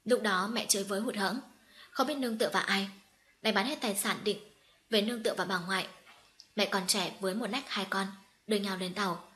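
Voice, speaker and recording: A woman's voice: medium pitch, brisk, fairly bright tone, lightly acted. A woman reading as a grieving middle-aged mother who is tearful and apologetic. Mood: remorseful.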